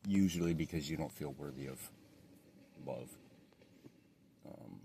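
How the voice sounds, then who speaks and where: A man speaking without his teeth, slightly slurred, in a reflective, halting, rambling confessional monologue as a vlogger in addiction recovery. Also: warm tone, slight background noise. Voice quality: toothless, slightly slurred speech from not wearing his teeth; very deep, gravelly, husky. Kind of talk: casual confessional monologue to camera.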